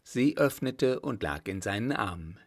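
A man reading a story aloud as narrator in a measured, even manner. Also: lowish voice. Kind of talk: audiobook narration.

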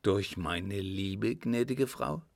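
A man's voice: lowish voice, slow, creaky, dry recording, clean studio sound. A man doing a polite young explorer. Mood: surprised. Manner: polite, short replies. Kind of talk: audiobook reading.

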